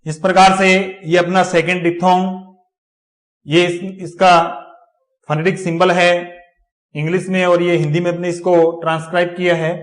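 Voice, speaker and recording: A man teaching an exam-prep phonetics lecture, repeating each word slowly for the class and often turning away from the mic to write on the board. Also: sits high, flat delivery.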